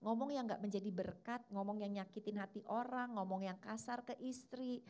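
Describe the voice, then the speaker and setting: A woman preaches a church sermon with plenty of energy. Her voice sits in a middle pitch, and she rises and falls as she leads the congregation in call-and-response. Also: fairly even intonation, moderate pace, darkish tone, a little hiss or hum. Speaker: pastor.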